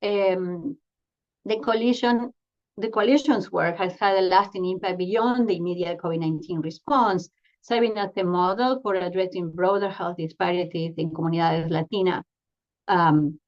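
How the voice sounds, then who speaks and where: A woman from Argentina, a family doctor and professor, giving an earnest, halting talk from home over a video call, with many fillers and restarts. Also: fairly low pitch, a little mellow, dull audio. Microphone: computer mic on a video call.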